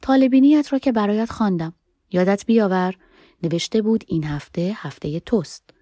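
A playful young woman friend ribs her companion with lively insistence, voiced by a woman reading a novel aloud. The voice sits a little higher and louder than the surrounding narration. Its tone is warm and mellow, and the recording is dry and close. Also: no echo, close to an everyday voice. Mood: teasing.

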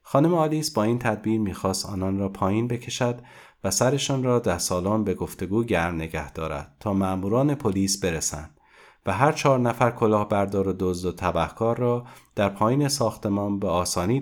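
A man narrating a story as an audiobook in an expressive storytelling manner. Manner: expressive storytelling with wide pitch swings.

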